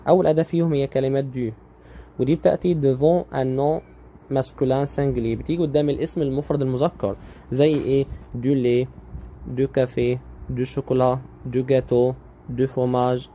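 A man with an Egyptian Arabic accent teaching French grammar online, patiently repeating each word slowly. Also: mid-range voice, fairly even intonation, mellow, a little hiss or hum.

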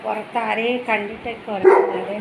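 A woman's voice: medium pitch, steady tone, brisk, gravelly, heavy background noise. A middle-aged woman chatting in a home vlog, coaxing her pet dog in baby talk. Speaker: vlogger. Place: home indoors.

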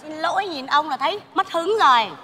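A woman's voice: sits high, animated, brisk, crowd noise. A woman playing a bossy, mocking mother in a stage comedy sketch, scolding and teasing. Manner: scolding and teasing, laughing at her own jabs. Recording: reverberant theater hall, faint noise.

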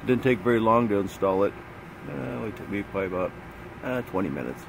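Laid-back low-voiced older man. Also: lively intonation, fast, gravelly. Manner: plain, laid-back explaining with fillers. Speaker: vlogger, RV traveller. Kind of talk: casual vlog talk. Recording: noisy phone audio with road noise.

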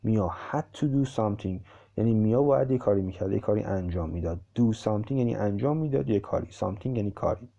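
A man teaches English by reading a story one line at a time and explaining each line. His voice is very dark and mellow. He says each English sentence slowly and clearly. The recording sounds muffled and lo-fi. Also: on the low side.

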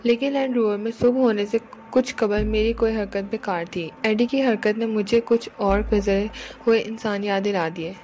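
A woman reading a novel aloud in an even, measured storytelling manner. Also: medium pitch, a little hiss or hum. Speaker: audiobook reader.

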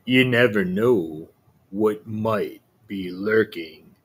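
A man voicing a sly, greedy male wolf in a storybook reading, with a husky voice and a slow, scheming drawl. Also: lowish voice, heavily acted.

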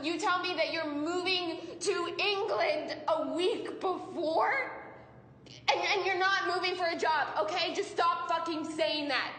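A woman's voice: extremely high pitch, fairly bright tone, roomy sound, in a large hall, slight background noise. A hurt, furious young woman. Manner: angry, bitter, mocks with a put-on British voice. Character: hurt young woman confronting her best friend.

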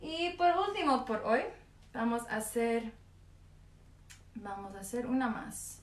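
A mezzo-soprano singing teacher gives an online lesson, speaking unhurriedly in a slightly high voice with lively intonation. She counts aloud, demonstrates vowel drills, and slips English words into her speech. The sound is roomy with a distant mic and loud piano accompaniment.

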